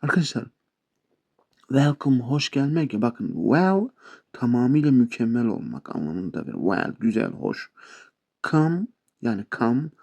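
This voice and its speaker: A man's voice: mid-range voice, big pitch swings, measured pace, gravelly, a little mellow. A man teaching a casual spoken language lesson, chatting to viewers as friends with playful asides. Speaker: English teacher.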